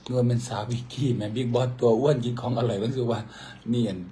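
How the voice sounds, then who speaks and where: Man, Isan Thai accent, rapid teasing banter, casual couple chat, faint background hiss. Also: medium pitch, fairly even intonation, warm tone. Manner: teasing, bickering playfully. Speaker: vlogger.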